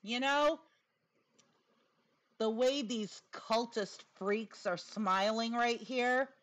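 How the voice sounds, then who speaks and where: Slow-talking woman with a whistling lisp. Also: a little high, a bit bright. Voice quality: lisp with whistling s from new dental appliance. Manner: sarcastic, blunt. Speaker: commentator. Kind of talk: casual opinionated commentary.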